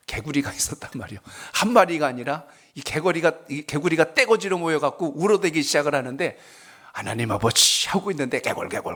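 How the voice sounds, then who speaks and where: Storytelling Korean pastor, slightly high voice. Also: male voice, a bit bright. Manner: conversational storytelling, asks the congregation questions. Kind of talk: sermon at a Friday prayer service.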